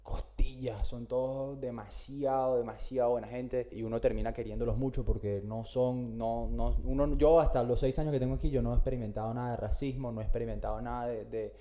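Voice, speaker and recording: A man's voice: mid-range voice, steady tone, fairly quick, hardly any pauses, dark tone. A Latin American man, bantering in slang as co-host of a casual podcast. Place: Australia.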